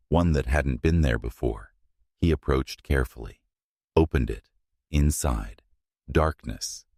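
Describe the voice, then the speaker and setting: A man narrating a scripted horror story in a hushed, suspenseful manner, in short, measured phrases. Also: a bass voice, no room sound, studio quality.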